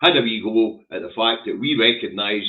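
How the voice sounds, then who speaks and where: A man's voice: on the low side, animated, brisk. Broad Scottish man, thin phone-like sound. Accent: broad Scottish, Lanarkshire. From Scotland. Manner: blunt, colloquial, sweary. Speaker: livestream host commenting on the news. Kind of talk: casual livestream chat and opinionated news commentary.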